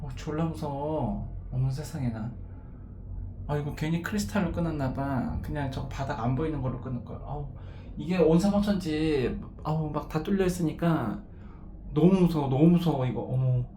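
A woman's voice: deep voice, normal speed, dark tone, roomy sound. A woman talks into her handheld phone inside a small cable car cabin, her voice bouncing around the enclosed space. She is frightened throughout, gasping exclamations and swearing constantly while she keeps describing the view. There is a faint hum of noise behind her. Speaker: travel vlogger. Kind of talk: casual self-filmed commentary. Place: inside a glass-floored sea cable car cabin, alone. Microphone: handheld phone camera.

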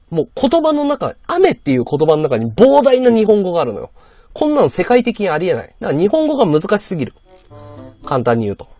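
A man's voice: sits high, a little mellow, no room sound, clean studio sound. A man chatting on a live stream, lecturing in a rambling way and answering viewer comments. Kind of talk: casual livestream chat reading viewer comments.

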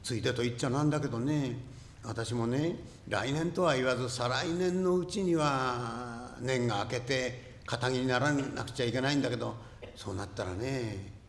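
A rakugo storyteller voicing a tearful Edo-era courtesan with a soft, hushed manner, recorded in an echoing hall. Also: male voice, medium pitch, normal speed, slight background noise, close to an everyday voice. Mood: coaxing. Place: stage before an audience.

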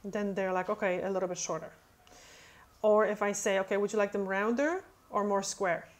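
This woman in her thirties works as a nail technician and speaks English as a second language. Talking into a webcam above her screen indoors, she keeps a mid-range voice with a steady tone and normal speed, chatty and filler-heavy, acting out client dialogue while casually answering questions.

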